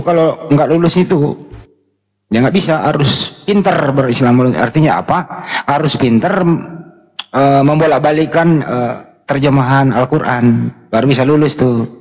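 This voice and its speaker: A man hosting a casual live chat, telling stories in an animated way and acting out the exchanges he quotes. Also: mid-range voice, moderate pace. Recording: long hall reverb.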